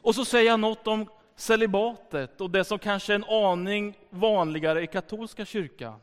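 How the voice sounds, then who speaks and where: Middle-aged male pastor, high smooth voice, storytelling sermon in a reverberant hall. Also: fairly even intonation.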